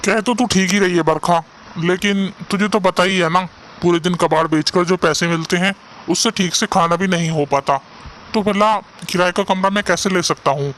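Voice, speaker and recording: A man's voice: sits high, fairly even intonation, normal speed, a bit bright, slight background noise. A man voicing a poor young junk seller in a cartoon story, earnest and caring, sometimes despairing. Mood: reassuring. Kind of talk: cartoon voice acting.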